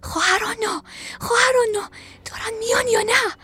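A woman's voice: very high-pitched, bright, forceful tone, pitched above the performer's own voice. A woman voicing a frightened young wife in a storybook, pleading and tearful. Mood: anxious calling. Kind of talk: storybook reading.

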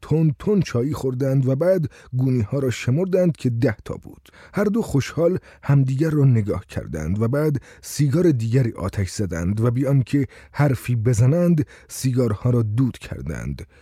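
A man's voice: medium pitch, big pitch swings, hardly any pauses, mellow, husky, no room sound, clean studio sound. A man reading a story aloud as narrator, telling it expressively.

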